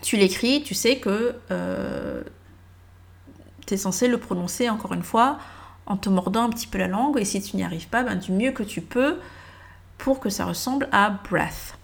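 A woman's voice: medium pitch, normal speed, creaky. A woman who speaks natively, giving a casual spoken lesson on English pronunciation, thinking aloud and spelling words out letter by letter. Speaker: English teacher.

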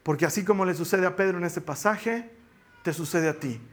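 A man with a notably high voice delivers a church sermon, driving home each point by repeating it. His preaching is emphatic and lively, and he slips into playful mock voices when he quotes someone. He speaks to his congregation as a pastor. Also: a little fast. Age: adult with a young daughter.

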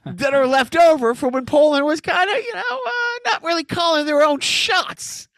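A man's voice: extremely high pitch, normal speed, fairly bright tone, no echo, clean studio sound. A man co-hosting a casual podcast, rambling with lots of restarts and asides. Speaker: podcast co-host. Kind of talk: casual chat.

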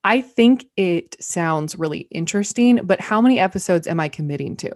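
Female podcast co-host, low-pitched, wry and playful, dry close sound. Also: lively intonation, darkish tone, no room sound. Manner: wry, playful, quick asides. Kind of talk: casual chat.

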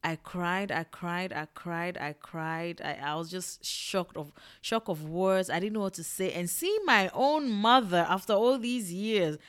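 A young woman from Ghana and Togo, telling a personal story in a casual vlog, animated and repetitive. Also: lowish voice, measured pace, hardly any pauses, smooth.

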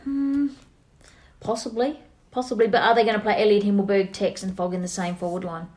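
A woman's voice: medium pitch, fairly even intonation, a little fast, darkish tone. A woman with an Australian accent co-hosting a casual football chat, colloquial and full of opinions. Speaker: football podcast co-host.

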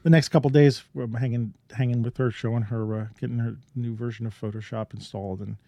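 A man's voice: medium pitch, fairly even intonation, fast talker, dark tone, no room sound. Rambling man chatting on a podcast. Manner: rambling, hesitant, many restarts and fillers. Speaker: podcast co-host. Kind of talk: casual chat.

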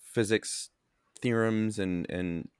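Male podcast co-host, very deep dry voice, halting and self-correcting, has hiccups. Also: steady tone, clear, resonant tone, dry recording. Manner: halting, restarts and self-corrections, reads search results aloud. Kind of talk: casual chat.

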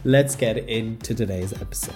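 A man's voice: fairly low pitch, moderate pace, a little mellow. Guy with a bit of a nasal stuffy-cold voice, chatty effusive podcast host, music in the back. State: recovering from a cold. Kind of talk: chatty show introduction and interview.

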